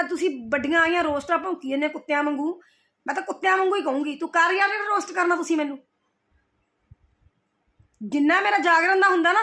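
A very high-pitched, sharp-toned woman's voice carries this heated direct-to-camera rant. She's a middle-aged vlogger replying to her roasters, confrontational and scolding, circling back to her points over and over.

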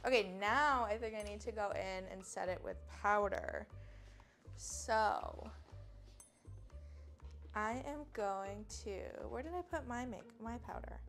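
Giggly young woman with a gravelly edge. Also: medium pitch, takes it slowly, a bit bright, soft background music. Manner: giggly, chatty, says "like" often. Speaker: vlogger applying makeup. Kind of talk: casual chat.

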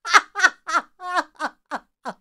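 A woman's voice: extremely high pitch, extremely slow, background noise. A woman hosting a reaction video, laughing often and making short amused remarks about a comedy clip.

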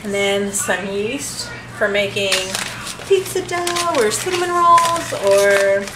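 A woman's voice: mid-range voice, animated, takes it slowly. A woman in her thirties rambling casually through a grocery haul in her home kitchen, filmed by a camera on the table. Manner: rambling, chatty, thrifty. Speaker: vlogger. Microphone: camera mic at table distance. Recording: echoey kitchen with background noise.

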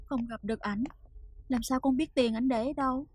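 An actress playing a worried young wife in a Vietnamese TV drama, pleading and anxious. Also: female voice, high voice, steady tone, normal speed, husky.

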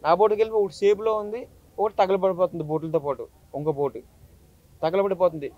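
With a high voice, a steady tone and a fast delivery, a YouTuber from Visakhapatnam, India urgently and passionately tells his story at a press meet. It's an emotional statement, captured in a dry, muffled recording.

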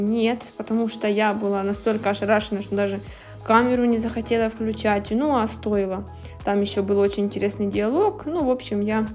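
A woman narrates a nail video as a casual storyteller. Her delivery is chatty and lightly amused, with a medium-pitched voice. Music plays behind her. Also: darkish tone.

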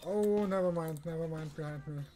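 Brisk and warm, this fairly high male voice belongs to a young Austrian streamer whose native language is German. He speaks with an Austrian accent, chatting casually as he plays. The keyboard and background noise are clearly audible.

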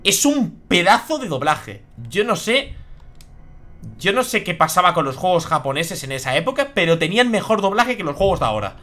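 Spanish man, young adult, game streamer; lively swooping delivery, bright tense tone, swears freely. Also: sits high, normal speed. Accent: Spain. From Spain. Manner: chatty, swears freely, reacts aloud. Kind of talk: live gameplay commentary.

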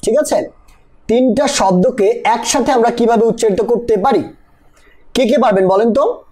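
A teacher giving a live online spoken-English lesson. The teacher keeps quizzing the class and repeats each example slowly. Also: medium pitch, warm tone.

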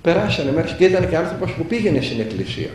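A man's voice: fairly high pitch, big pitch swings, darkish tone, a little hiss or hum. A man preaching as a monk elder, telling stories and acting out the dialogue with a rising and falling voice. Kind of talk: sermon with storytelling. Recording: echoey room heard from a distance.

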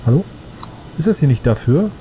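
Sing-song and slightly fast, a let's play gamer with a cold chats casually and thinks out loud as he plays. His voice sits on the high side with a dark tone, and a little hiss or hum can be heard.

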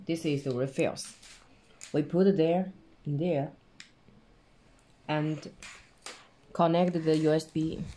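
A man giving a hands-on tutorial, explaining each step in halting, simple phrasing as he demonstrates a device. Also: fairly high pitch, dark tone. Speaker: product demonstrator.

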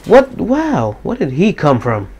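A man giving casual live gameplay commentary, slightly depressed and monotone, swearing casually. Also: mid-range voice, normal speed. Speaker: gaming commentator.

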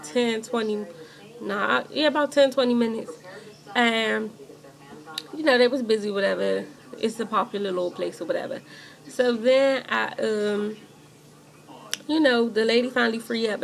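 With a fairly high, creaky voice, a young woman who does beauty vlogs tells a storytime to her audience from home as she applies makeup. She wanders through the tale, says "like" constantly, and livens up whenever she gets indignant.

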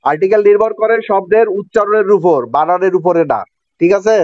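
A man's voice: high voice, brisk, no echo. A man with a Bangladeshi accent teaching a grammar lesson, repeating each point and asking if students understand. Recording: dry, dull lo-fi recording.

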